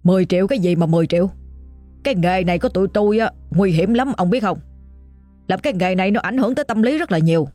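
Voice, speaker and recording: A woman's voice: on the low side, darkish tone, dry recording, soft background music, lightly acted. A woman voicing a greedy, ruthless middle-aged boss who haggles harshly. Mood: threatening. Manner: gruff, hectoring, rapid.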